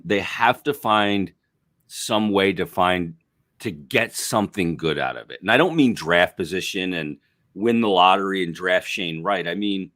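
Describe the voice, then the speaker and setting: Sick hockey analyst guy, super deep rough voice, rambles a lot, dry sound. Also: fairly bright tone, no room sound. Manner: rambling, restarts, self-deprecating. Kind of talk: casual sports chat.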